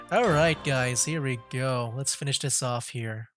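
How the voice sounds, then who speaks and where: A man's voice: mid-range voice, takes it slowly, over music. A man commenting casually on a story game as he plays, with frequent fillers and laughs. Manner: chatty, full of fillers and laughs. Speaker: gaming streamer. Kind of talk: casual let's-play commentary.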